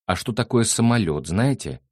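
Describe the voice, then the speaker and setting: A man's voice: lowish voice, animated, moderate pace, slightly rough, no room sound, studio quality, voice pushed up. A man voicing an impatient grown-up engineer who answers curtly. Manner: curt and impatient. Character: irritated grown-up engineer, curt.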